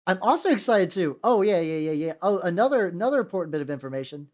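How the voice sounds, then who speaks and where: Lively, rambling livestreamer with swooping pitch. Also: fast talker. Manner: rambling, talkative, foul-mouthed. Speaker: livestream host. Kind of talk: casual livestream chat while painting miniatures.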